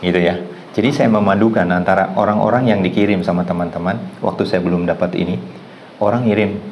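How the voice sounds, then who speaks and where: A middle-aged man with a very low, deep voice teaches a massage class in a storytelling way. He acts out the people in his anecdotes and laughs along the way, with a faint room hum behind him. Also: fairly even intonation, quick pace, a little mellow, rough recording. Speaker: massage therapy instructor.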